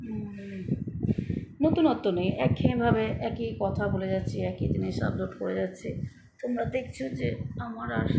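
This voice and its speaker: A middle-aged woman vlogging casually at home, speaking softly and slowly in a calm way. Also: on the high side, vocal fry. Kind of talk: casual personal vlog talk. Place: room at home. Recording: echoey room with loud background noise.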